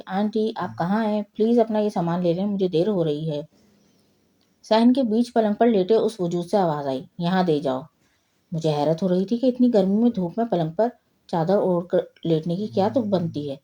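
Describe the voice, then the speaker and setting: Dark-voiced woman narrating a story. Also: on the low side. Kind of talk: scripted horror story narration.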